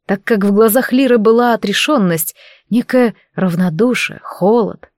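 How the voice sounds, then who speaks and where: A woman reading a fantasy novel aloud in the first person, with a steady, even delivery. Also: medium pitch, normal speed, no room sound, clean studio sound. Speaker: audiobook narrator. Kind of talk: first-person audiobook narration.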